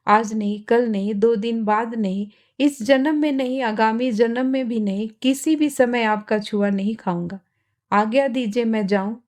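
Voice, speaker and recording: Woman reading as a calm, firm young man. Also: a little high, natural voice. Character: calm, proud young man refusing firmly. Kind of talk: storybook reading.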